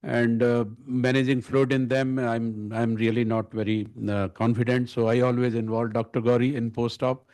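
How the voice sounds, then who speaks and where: A man with an Indian accent giving an informal conference address as a senior surgeon, halting and often repeating words. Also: mid-range voice, level tone, darkish tone. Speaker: medical director and surgeon speaking at a conference.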